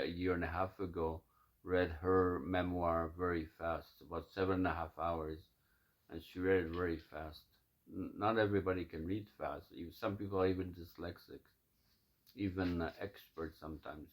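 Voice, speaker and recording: A man recording himself talking through his plans and then reading aloud from his own notes, halting and full of fillers and restarts. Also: deep voice. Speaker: self-recording reader of his own writings.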